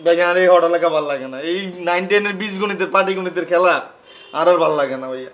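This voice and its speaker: An actor playing a naive, hot-headed young bachelor who pleads defensively, with a Noakhali Bengali accent. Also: male voice, high voice, brisk, fairly bright tone, muffled recording. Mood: whiny. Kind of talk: TV comedy drama acting.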